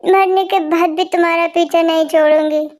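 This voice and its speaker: A dramatic young wife, whiny and tearful, played by a woman in a homemade fan dub. Her voice is extremely high-pitched, and it breaks into sobs and accusations. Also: moderate pace. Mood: jealous. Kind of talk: amateur Hindi fan dub.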